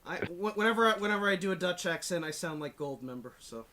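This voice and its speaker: A man's voice: high voice, animated, fast talker, a crowd in the background. A man hosting a casual podcast chat, rambling and cutting himself off, laughing often. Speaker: podcast host.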